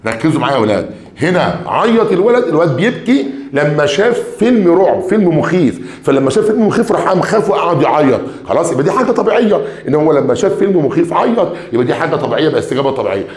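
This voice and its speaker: An animated Egyptian male teacher running an exam revision lesson, his voice swinging up and down as he drags out key words one at a time. He speaks quickly to his class. The sound is roomy and echoing. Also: a little high. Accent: Egyptian Arabic. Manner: lively, stretches out key words one by one while reading questions; addresses students directly, calls for blessings on the Prophet.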